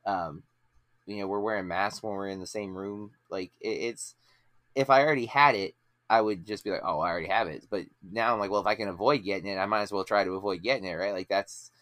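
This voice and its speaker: A man's voice: lowish voice, quick pace, fairly bright tone, dry recording. A man in his late thirties hosting a movie podcast, talking in a casual, rambling way with many fillers and restarts. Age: 30s. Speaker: podcast host. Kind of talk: casual chat.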